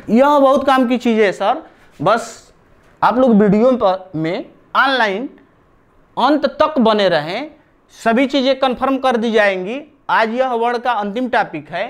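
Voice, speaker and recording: A man's voice: very high voice, animated, slow. A man teaching a live online grammar class, explaining step by step and repeating key terms while he writes on a board.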